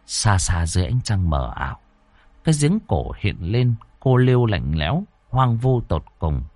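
A man narrating a ghost story in a dramatic way, slowing down for suspense. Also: fairly low pitch, big pitch swings, a little mellow, no echo.

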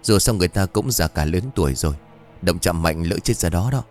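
A man playing a kindly villager who calmly tries to settle a fight. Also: low-pitched, fairly quick, soft background music, close to an everyday voice. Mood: calming. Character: kindly villager, calm peacemaker.

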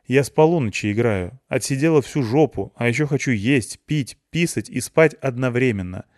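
A man's voice: mid-range voice, expressive, normal speed, no room sound, clean studio sound, pitched above the performer's own voice, lightly acted. A man voicing a tired, snarky young woman gamer who trades teasing insults, read for an audiobook. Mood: teasing, grumpy. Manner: sharp-tongued, teasing.

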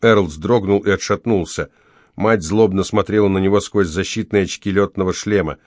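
A low-voiced man narrates an audiobook in a steady, measured way. The recording is dry and close, with no room sound. His pitch sits low for a man. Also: no room sound. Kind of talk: scripted narration.

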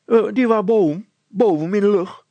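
A man's voice: normal speed, no echo, lo-fi sound, natural voice. A man voicing a naive, chatty young girl who rambles and hesitates, in a storybook reading. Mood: eager. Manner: hesitant, rambling, loud and high.

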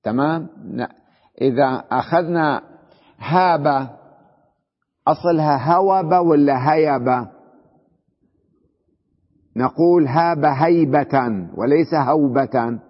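A man with a fairly high voice teaches a grammar class, drawing out word forms syllable by syllable, then putting questions to the class and answering them himself. His voice rings with a long echo around a hall, and the recording sounds dull and muffled. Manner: drawls words out slowly to spell out their forms. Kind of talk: classroom lesson.

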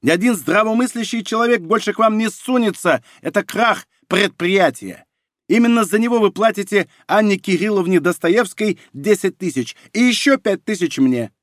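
A man's voice: high-pitched, expressive, moderate pace, no room sound, clean studio sound, voice pushed up. A man voicing a boastful, lying French chatterbox with a glib sales patter, in an audiobook. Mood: hustling.

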